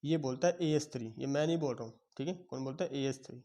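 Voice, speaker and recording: A man teaching accounting in a lecture, explaining step by step and checking in with his students. He has a sore throat and often clears it. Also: medium pitch, fast talker, mellow. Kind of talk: classroom lecture.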